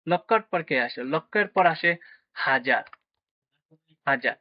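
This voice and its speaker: Male teacher, fairly high voice, patient question-and-answer drilling, dry close sound. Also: expressive, unhurried, no room sound, muffled recording. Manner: asks questions and answers them himself, with frequent check-ins. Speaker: math teacher. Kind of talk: classroom lesson for children.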